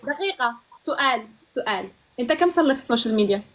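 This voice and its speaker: A woman hosting a live stream, excitable and laughing, rapidly calling out to viewers. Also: on the high side, a little hiss or hum. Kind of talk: casual live-stream chat.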